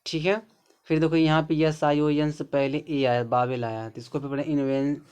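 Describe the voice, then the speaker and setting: A man with a Hindi accent teaching English pronunciation, explaining slowly and repeating words, often checking in with the viewer. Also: a little high, level tone, darkish tone, clear, resonant tone.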